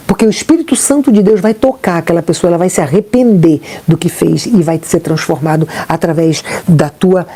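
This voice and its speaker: A woman's voice: fairly low pitch, warm tone. A woman pastor, preaching an exhorting sermon on a live stream and often asking "amém?". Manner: exhorting, frequent "amém?" and "tá bom?" check-ins.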